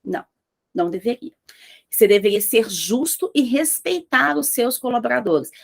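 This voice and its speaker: A woman's voice: on the high side, animated, moderate pace, vocal fry. Emphatic woman business mentor. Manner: emphatic, asks rhetorical questions, acts out listeners' questions. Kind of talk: motivational talk to entrepreneurs.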